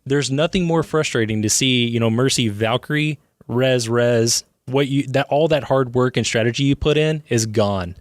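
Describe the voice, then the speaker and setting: A man interviewed as a guest on a radio show, relaxed and enthusiastic, filling his talk with "I mean". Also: medium pitch, moderate pace, few pauses, no room sound, clean studio sound.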